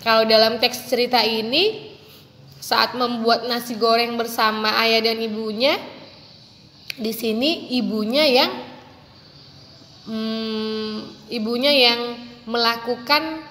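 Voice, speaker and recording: A woman teacher with a high, bright voice talks young pupils through a lesson, coaxing and gentle, calling them dear. She sometimes acts out a child's requests in a squeaky voice. Her voice rings with a long hall reverb over faint room noise. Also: fairly even intonation, slow pace, pauses often. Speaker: primary school teacher.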